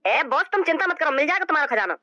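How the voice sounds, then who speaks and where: A cocky cartoon henchman who talks in a breezy, coaxing way, played by a woman. The voice is very high and bright. The audio is a little dull. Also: big pitch swings, rapid-fire, no room sound, exaggerated voice. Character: cocky reassuring male henchman.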